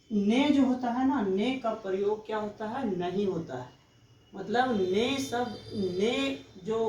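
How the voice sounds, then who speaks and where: A woman teacher giving a slow, explanatory exam-prep lecture, often pausing to check that students follow. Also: a little high, warm tone, a little hiss or hum. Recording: echoey room, mic far off.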